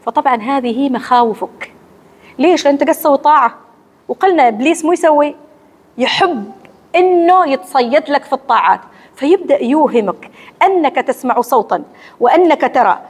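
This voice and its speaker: A woman with an Omani accent giving a religious lecture to women in a mosque hall, asking and answering her own questions in a lively teacherly way. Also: high voice, brisk. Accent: Omani Arabic. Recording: long hall reverb.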